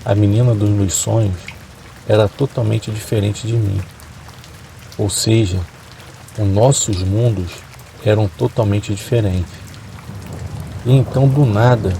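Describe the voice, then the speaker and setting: A young man narrating a horror story in calm, steady storytelling. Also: lowish voice, gravelly, a little hiss or hum. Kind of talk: calm storytelling narration over rain sounds. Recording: faint rain sounds behind.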